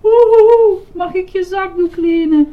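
A woman voicing a fussy, put-upon little male mail carrier in a storybook, with a whiny, squeaky voice. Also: slow, phone-quality sound. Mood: weepy.

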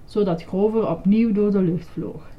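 A woman lively and expressive as she reads a children's story aloud. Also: medium pitch, normal speed, muffled recording.

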